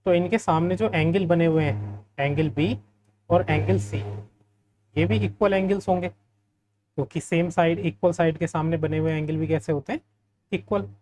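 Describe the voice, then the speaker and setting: A man's voice: fairly high pitch, a little mellow. Friendly man teaching a maths lesson. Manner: friendly, asks the class quick checking questions. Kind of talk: step-by-step geometry lesson.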